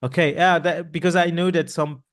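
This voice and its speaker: An Italian man hosts a podcast interview from a room at home, talking into a boom mic with headphones over a video call. His voice is fairly high and steady at a moderate pace, and his casual chat rambles with many restarts and fillers.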